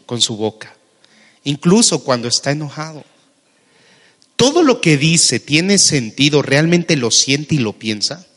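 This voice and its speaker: Mexican pastor preaching in a reverberant hall. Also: male voice, a little high, fairly bright tone. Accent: Mexican Spanish. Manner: asks the listeners questions and calls them brother. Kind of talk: sermon.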